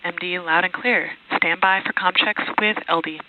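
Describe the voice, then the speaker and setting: A woman's voice: fairly low pitch, steady tone, normal speed. A woman speaking as a mission director on astronaut radio, in formal procedural comm checks. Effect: radio transmission. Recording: phone-like narrow-band radio link.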